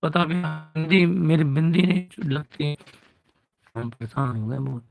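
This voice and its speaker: A man's voice: a little high, a little slow, vocal fry, faint music behind. A man in playful, rambling devotional chat who keeps calling himself "we". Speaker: devotional speaker.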